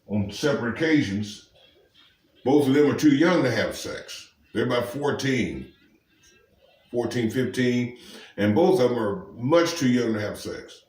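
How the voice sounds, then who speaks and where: A man's voice: medium pitch, darkish tone, reverberant, far from the mic. A man preaching informally to camera, emphatic and firing rhetorical questions at the listener. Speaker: street preacher.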